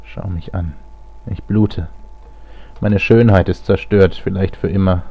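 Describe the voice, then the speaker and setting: A man voicing a proud, drunk and wounded nobleman in an audiobook reading, speaking low, hushed and commanding. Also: steady tone, unhurried, breathy edge, exaggerated voice. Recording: slightly lo-fi audio.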